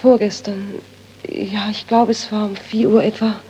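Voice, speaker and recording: An actress playing a grieving widow tormented by guilt, earnest and sorrowful, in 1930s radio-drama acting. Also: female voice, medium pitch, flat delivery, a little slow, warm tone, muffled recording, a little hiss or hum, natural voice. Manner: earnest, sorrowful, turns to anguished pleading. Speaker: doctor's friend's widow.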